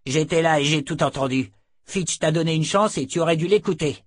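A man voicing a rough male thug in an audiobook, growling and shouting. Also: fairly high pitch, fairly quick, voice pushed up, lightly acted. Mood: menacing. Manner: growling, then cheering loudly. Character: gruff male thug backing his friend.

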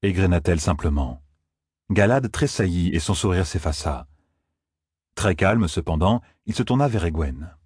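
A man narrates a fantasy audiobook in a very deep, slightly husky voice. His delivery is measured and even. The recording is dry and close to the mic. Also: dry recording.

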